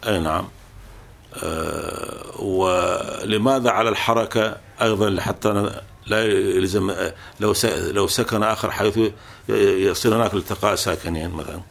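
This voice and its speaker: A man's voice: low-pitched, moderate pace, gravelly. A man teaching a classical grammar text, explaining patiently and repeating points with fillers.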